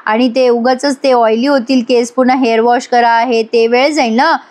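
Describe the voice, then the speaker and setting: A woman voices a jealous young woman with a high, bright pitch. She sounds huffy and dismissive, snapping at others in a retold family drama. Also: fairly even intonation, moderate pace, natural voice. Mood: sulky. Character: sulky jealous young woman, sharp-tongued.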